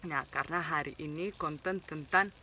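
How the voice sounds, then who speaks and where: Bright foreign-accented man speaking Indonesian, vlogging. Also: a little high, normal speed, a little hiss or hum. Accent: foreign, mixed Spanish-Indonesian. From Spain. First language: Spanish and Basque. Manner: foreigner speaking Indonesian, with informal regional slang. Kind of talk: casual vlog talk to viewers.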